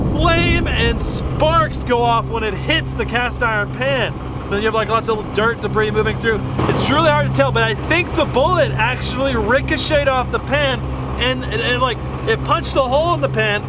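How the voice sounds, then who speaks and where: A man hosting a gadget test vlog outdoors, talking with loud enthusiasm and frequent exclamations. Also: very high-pitched. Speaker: YouTube gadget test host. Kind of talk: excited outdoor experiment vlog. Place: outdoors at a shooting range. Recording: noisy outdoor recording.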